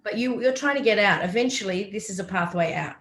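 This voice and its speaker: A middle-aged woman hosts a podcast interview. She talks in a relaxed, chatty way, reflective and ready to laugh at herself. Her pitch sits in an ordinary middle range. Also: fairly quick. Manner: chatty, self-deprecating, reflective. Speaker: podcast host. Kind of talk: casual interview chat.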